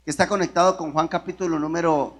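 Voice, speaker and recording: A man's voice: a little high, steady tone, fast talker. A man preaching a sermon in a conversational way, often asking the congregation rhetorical questions. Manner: conversational, with restarts and jokes.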